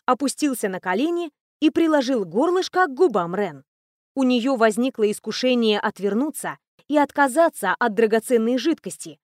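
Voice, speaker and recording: A woman's voice: fairly high pitch, a little mellow, no echo, studio quality. Woman narrating a fantasy audiobook. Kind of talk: scripted narration of a fantasy novel.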